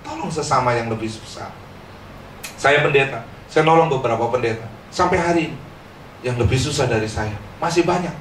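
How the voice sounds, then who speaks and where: A middle-aged man, a pastor, preaching a lively, joking sermon and calling on the congregation to say amen. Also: mid-range voice, fairly quick, a little hiss or hum. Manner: lively and joking, calls for amens. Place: church. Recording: echoey church hall, distant mic.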